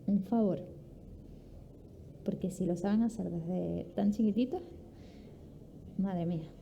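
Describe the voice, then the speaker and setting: A woman's voice: mid-range voice, slow pace, creaky, mellow, slight background noise. A woman giving an instructive talk at a sports conference. She explains as she goes, poses rhetorical questions and acts out examples. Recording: dull lo-fi recording with faint ambience.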